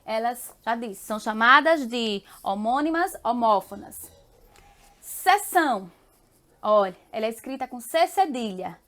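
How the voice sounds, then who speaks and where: A woman from Brazil teaching a remote class, affectionate and patient, often checking in with tag questions and repeating example words slowly. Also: fairly high pitch, animated, a bit bright.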